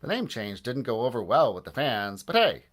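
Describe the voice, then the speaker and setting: A man reading a children's book aloud with expressive, lively storytelling. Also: medium pitch, normal speed. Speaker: audiobook narrator.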